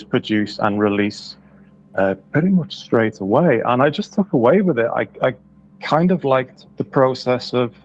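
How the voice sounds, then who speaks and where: A man's voice: medium pitch, a little mellow, a little hiss or hum. A British man from the United Kingdom answering interview questions thoughtfully, with many hesitations, over a remote call. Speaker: guest musician. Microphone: remote call audio. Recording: dull lo-fi online call audio.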